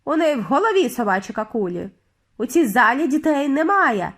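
A woman's voice: fairly high pitch, sing-song, unhurried, a bit bright. A woman voicing a cruel, commanding female witch leader who barks orders in a storybook reading. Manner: imperious, barking orders.

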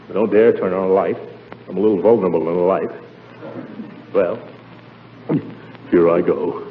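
An actor playing a blustering, nervous middle-aged uncle in a theatrical 1940s radio comedy style, muttering to himself. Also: male voice, sits low. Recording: tinny, echoey, noisy 1940s radio recording.

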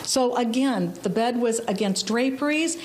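A woman's voice: a little high, normal speed, darkish tone, a little hiss or hum. A middle-aged woman, an interior designer, explaining design with enthusiasm on a live TV tour inside a large old house, into a handheld mic. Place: large historic house, indoors. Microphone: handheld reporter mic.

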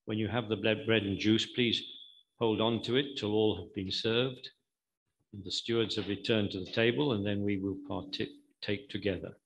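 A man leading a communion service, speaking in a measured, solemn and reverent way into a pulpit microphone. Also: on the low side, fairly even intonation, fairly bright tone, slight background noise, rough recording. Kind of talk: liturgical prayer and service instructions.

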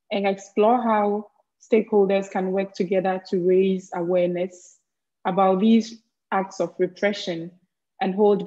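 A woman's voice: medium pitch, mellow. A woman moderating an online briefing, reading a scripted introduction over a video call. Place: small indoor room. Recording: dull lo-fi video call audio.

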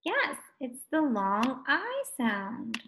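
Young teacher lady doing a phonics lesson for little kids, slow and encouraging, kinda high voice. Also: huge pitch swings, noisy background. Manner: slow, encouraging, stretches out words. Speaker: first grade teacher. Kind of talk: distance learning phonics lesson.

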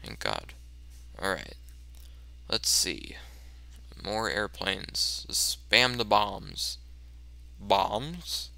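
Bright gravelly-voiced man narrating a game. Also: fairly low pitch, extremely slow, long pauses, no room sound. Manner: chatty and self-mocking, often stammering and restarting; excited yelps during tense moments. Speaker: let's play commentator. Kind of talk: casual gameplay commentary.

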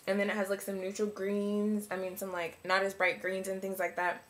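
A woman's voice: medium pitch, monotone, fairly quick, fairly bright tone. A young woman talking through a casual makeup review in a chatty, rambling way, full of likes and ums. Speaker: beauty vlogger.

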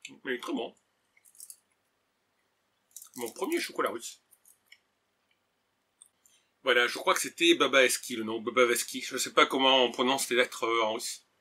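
A man's voice: mid-range voice, animated, measured pace, long pauses, bright, forceful tone. A man casually chatting while unboxing and tasting snacks on camera, hesitant and full of fillers. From France. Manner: chatty, hesitant, many "euh" and "voilà". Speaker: vlogger tasting food.

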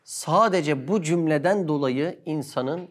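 A man giving an animated religious sermon talk, full of rhetorical questions and exclamations. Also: on the high side, slow pace.

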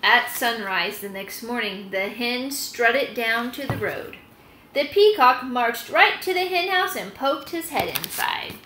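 A woman in her thirties, hosting a read-aloud for children, reads a storybook and gives them instructions from a small room at home. Her slightly high voice is expressive, pushed, and bright at a measured pace, and the laptop webcam recording sounds roomy and faintly noisy.

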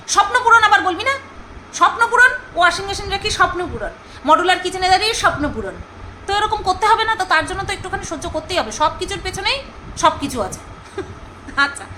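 A woman vlogger chats her way through a commentary on someone else's videos. Her voice sits very high and sounds bright and crisp as she teases and scolds. A faint noise runs under the recording. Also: poor audio. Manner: chatty, teasing, scolding, mock-mimics others. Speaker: vlogger reacting to another creator. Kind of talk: casual commentary vlog.

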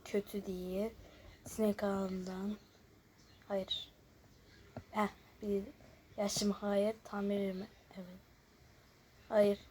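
This gaming-video host talks slowly in a mid-range, flat voice, leaving long pauses as she casually plays a guessing game. Her muttered, often near-whispered asides alternate with louder chatter to viewers. The recording carries noticeable background noise and clicking.

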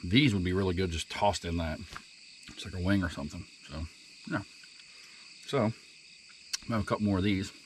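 Laid-back deep-voiced man by a campfire. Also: normal speed, pauses often, a little hiss or hum. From West Virginia. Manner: laid-back, rambling, talks straight to viewers. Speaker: outdoor vlogger. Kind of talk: casual camping vlog. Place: outdoors at night by a campfire on a dried lakebed.

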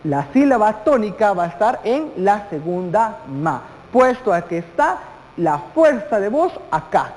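A teacher leads a televised lesson, turning to the students with questions and drawing out the words that matter. The voice sits at a mid pitch. It rings with a long reverb, as if recorded in a large hall. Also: sing-song, unhurried, darkish tone. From Guatemala. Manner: addresses students directly, asks questions, stretches key words.

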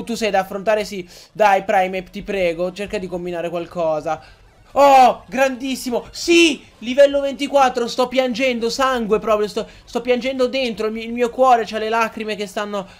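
Excitable high-voiced young gamer. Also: male voice, moderate pace, soft background music. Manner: excitable, swearing, frequent outbursts at the game. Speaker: gaming YouTuber. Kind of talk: Let's Play commentary.

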